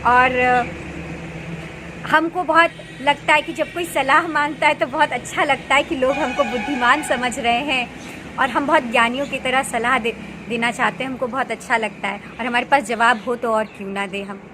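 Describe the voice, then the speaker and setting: High-voiced woman in her 30s talking earnestly about meditation, noisy background, traffic going by. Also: fairly even intonation. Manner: earnest, unhurried, with many pauses and fillers. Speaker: meditation practitioner. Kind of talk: casual spoken advice.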